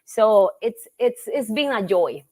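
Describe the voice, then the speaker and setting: A middle-aged woman from Costa Rica, native in Spanish and carrying a Costa Rican accent, sounds animated in her mid-range voice. She talks warmly about her teaching in a casual interview, frequently pausing as she searches for words and dropping in fillers.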